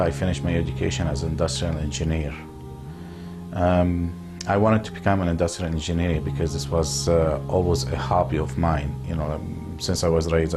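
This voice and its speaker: Interviewee: Lebanese-born man in his fifties, very low voice, unhurried, pausing often, music bed underneath. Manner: measured, with frequent pauses and fillers. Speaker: interviewee, businessman. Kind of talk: reflective interview talk.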